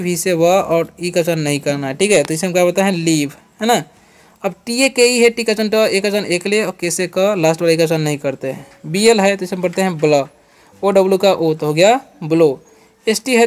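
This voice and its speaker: A man teaching English words, spelling each one letter by letter and repeating every meaning as a drill. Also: sits high. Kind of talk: phonics and vocabulary lesson.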